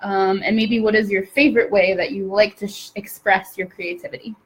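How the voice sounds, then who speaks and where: A woman's voice: medium pitch, steady tone, fairly quick, rough recording. A woman interviewing a colleague in a casual, encouraging way. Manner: friendly, encouraging questions.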